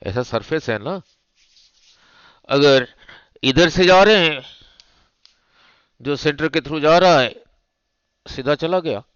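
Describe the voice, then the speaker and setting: A male teacher explains optics at an unhurried pace, circling back over each point and checking whether the class follows. His voice sits a little high and sounds smooth and clear. The recording is dry but dull and lo-fi. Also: animated, a bit bright, no echo. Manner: slow, repetitive, checks understanding with rhetorical "nahin?". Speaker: physics teacher. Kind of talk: classroom lecture at a board.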